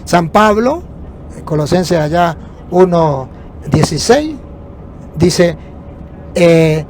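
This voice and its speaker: Over the low rumble of a moving bus, a man preaches with emphasis and takes it slowly. His voice is animated, slightly mellow, and pitched higher than typical for a man. He raises rhetorical questions only to answer them himself.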